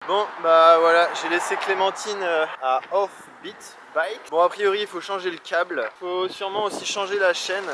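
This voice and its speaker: Young male travel vlogger, casual and rambling, a bit high-pitched, faint outdoor noise behind. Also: flat delivery, fairly quick, hardly any pauses. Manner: rambling, hesitant with many fillers. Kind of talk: casual vlog chat to camera.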